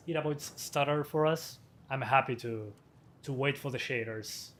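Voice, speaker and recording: A man in his twenties, slightly hoarse, casually answering viewer questions on a live stream as a hardware tester with quick chuckles. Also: medium pitch, a little hiss or hum. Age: 20s.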